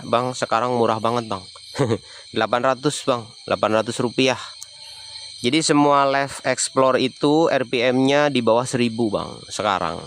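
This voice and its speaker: This Javanese-accented explorer from Banyumas, Central Java, answers comments in a relaxed livestream chat. His mid-range voice has a fairly bright tone, and there's a little hiss or hum in the audio.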